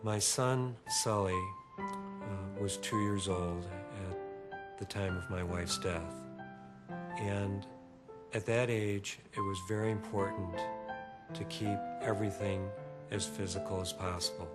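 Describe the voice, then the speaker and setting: A widowed father with a very deep, flat voice, speaking slowly and in a measured way. His words are set over loud music. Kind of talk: documentary interview.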